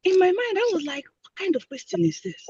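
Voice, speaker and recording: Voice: very high voice, sing-song, brisk, darkish tone. Caller on a dull car speakerphone. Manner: hesitant, searching for words. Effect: phone call from a moving car. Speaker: attendee asking a question. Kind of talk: Q&A question on a video call.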